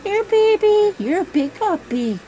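A woman filming with a handheld phone in a pet store, softly coaxing puppies with repetitive baby talk. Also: very high-pitched, sing-song, unhurried.

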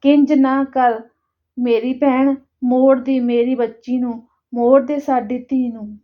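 A woman's voice: high-pitched, fairly even intonation, slow, dull audio. A woman reading the part of Janta, a grieving father who pleads tearfully for his lost daughter. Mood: pleading.

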